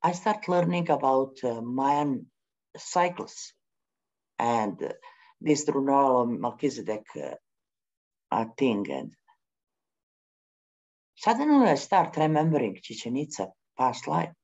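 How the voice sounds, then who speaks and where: Woman, middle-aged, low voice, slow and halting English, spontaneous spiritual talk, dull lo-fi recording. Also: big pitch swings, a little mellow. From Bosnia. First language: Bosnian. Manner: halting, searching for words with many pauses; non-native English grammar. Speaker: forum speaker.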